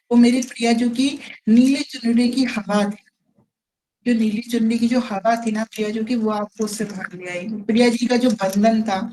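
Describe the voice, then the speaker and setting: A woman with a fairly high voice gives an earnest devotional discourse. She repeats her phrases and pleads softly with her listeners, over a faint hiss in the background. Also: poor audio. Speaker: devotional speaker.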